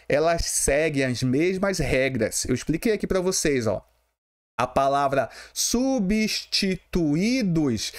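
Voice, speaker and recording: Brazilian male exam-prep teacher, voice a bit high, spells out syllables for the class. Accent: Brazilian Portuguese. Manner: talks to students directly, asks and answers his own questions, syllable by syllable. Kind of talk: explaining exam questions.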